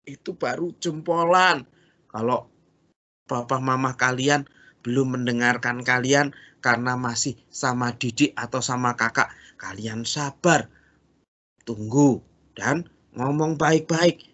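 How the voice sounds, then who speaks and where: A man teaching a kindergarten Bible lesson in an animated, sing-song way, spelling words out slowly. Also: medium pitch, muffled recording.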